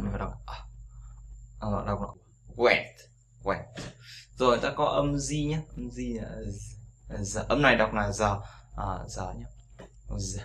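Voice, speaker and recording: A man's voice: on the low side, pushed and bright, a little hiss or hum. A man teaching English pronunciation in a casual tutorial, repeating each sound over and over with frequent fillers.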